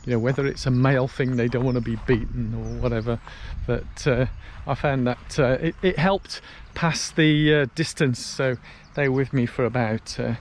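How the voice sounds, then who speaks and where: On a canal path, a British man chats to his viewers in a storytelling walk-and-talk vlog. His medium-pitched voice has fairly even intonation, a moderate pace and few pauses. Faint outdoor ambience and traffic sounds linger in the background.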